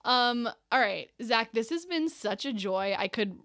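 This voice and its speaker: A woman hosting a podcast interview, chatting casually and encouraging her guest with quick interjections. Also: a little high, lively intonation, a bit bright, no room sound, clean studio sound. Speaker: podcast host.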